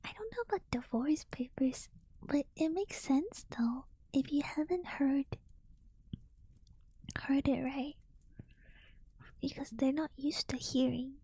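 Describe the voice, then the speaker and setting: A sleepy woman whispering softly as she chats with her stream and reads a book aloud. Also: high voice, no echo. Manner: soft unvoiced whisper throughout. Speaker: livestream host. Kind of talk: whispered casual stream chat and reading aloud.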